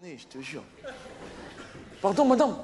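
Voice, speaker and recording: A man's voice: high-pitched, very animated, takes it slowly, a little hiss or hum, full character voice. A man playing a brash young candidate at an oral English exam, argumentative and stammering, on a live comedy stage. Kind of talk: stand-up character sketch. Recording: live stage show, loud laughing crowd. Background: audience laughter.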